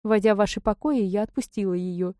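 A woman voicing a capricious, tearful young court favorite who pleads in a high-strung way. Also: brisk, mellow, no room sound, clean studio sound, close to an everyday voice. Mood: flustered.

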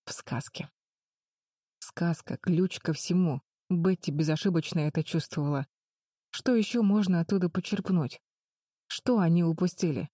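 A woman narrating a children's adventure audiobook in a calm, even storytelling manner. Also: on the low side, normal speed, no room sound, clean studio sound.

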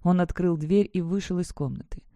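A woman narrating a first-person fantasy audiobook in a steady, measured way. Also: fairly low pitch, no echo.

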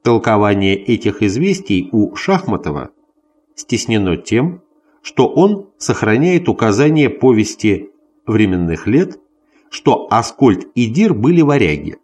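A man reading a scholarly history text aloud as scripted narration, in a deliberate, bookish manner. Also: on the low side, big pitch swings, darkish tone. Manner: deliberate, announces notes and quotations aloud. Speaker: audiobook reader of a history text.

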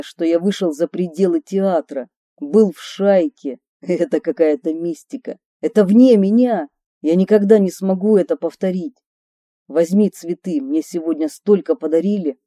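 A woman's voice: fairly low pitch, dark tone, no echo, studio quality, natural voice. A woman reading a male stage actor who speaks with earnest wonder about his own rehearsal.

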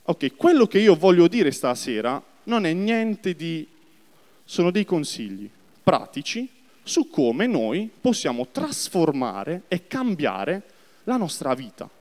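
A man's voice: on the high side, slow. A man preaching a sermon to a congregation, speaking directly to them and asking them to respond. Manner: lively, addresses the congregation directly. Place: church hall. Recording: long reverb of a church hall.

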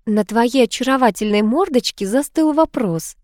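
A refined older lady gives gracious, mentoring advice , as a woman reads her part. Her voice sits high and moves a lot. The sound is close and dry. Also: lively intonation, moderate pace, a little mellow, dry recording, natural voice.

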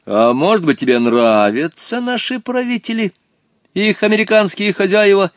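A man voicing a stubborn, fiery street boy who talks in a sharp, mocking, challenging way. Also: mid-range voice, animated, moderate pace, dry recording, natural voice. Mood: angry.

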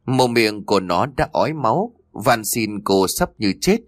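A man narrating an audio story in an expressive, dramatic manner. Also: fairly low pitch, a little slow, dry recording.

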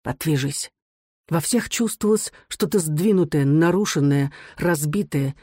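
An audiobook reader narrating a classic novel in an even, measured way. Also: medium pitch, no echo, clean studio sound.

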